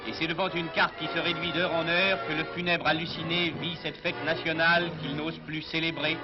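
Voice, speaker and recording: A dull vintage soundtrack with loud music carries a male newsreel narrator of the 1940s. His voice sits fairly high. He reads his script solemnly, declaiming with rhetorical weight. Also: level tone, brisk.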